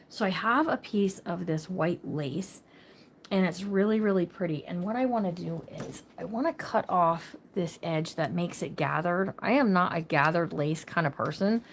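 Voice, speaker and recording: A woman's voice: lowish voice, a little hiss or hum. A woman hosting a casual craft livestream. She chats with viewers by name and thinks aloud while she works. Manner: says she talks loud.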